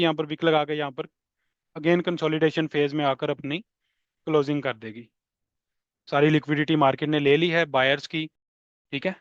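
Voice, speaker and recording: A man walks through trading charts in a fairly high voice, repeating key points and checking that his listeners follow. The recording is dry and a little dull, with no room sound. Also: no echo. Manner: explanatory, repeats key points, mixes English terms, checks in with "theek hai". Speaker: trading instructor. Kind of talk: explaining charts in a lesson.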